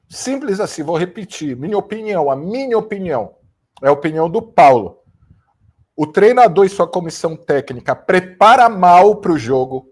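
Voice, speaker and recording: A high-voiced Brazilian football commentator who hosts a channel vents after a match from his room, where a fan is running and a new studio is in progress. He hammers points home bluntly and emphatically, repeats lines, and swears mildly at times.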